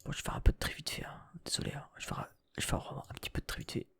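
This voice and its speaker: A man's voice: racing, a bit bright. A young man whispering casual ASMR chat, hesitant and thinking aloud with many restarts and casual swearing.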